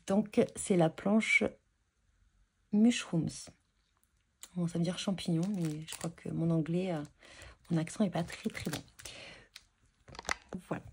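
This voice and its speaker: Woman vlogger, lowish mellow voice, relaxed show-and-tell, lots of ums and restarts. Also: slight background noise. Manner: chatty and hesitant, many fillers and restarts. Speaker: scrapbooking vlogger showing purchases. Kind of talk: casual show-and-tell chat.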